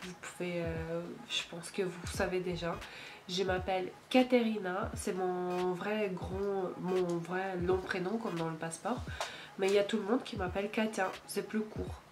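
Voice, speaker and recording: A Ukrainian woman in her late twenties, a YouTuber, speaks French with a Ukrainian accent in a casual Q&A vlog, chatting to camera with many fillers and small slips. Her voice is lowish, steady in tone, at a moderate pace.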